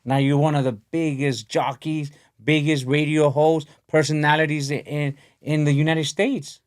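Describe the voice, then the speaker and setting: A man in his forties from Honduras, hosting a podcast, talking in a soft, earnest way in a studio. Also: fairly high pitch, flat delivery, unhurried. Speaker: podcast host, boxing coach. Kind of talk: casual interview talk. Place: podcast studio in a boxing gym. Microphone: desk podcast mic.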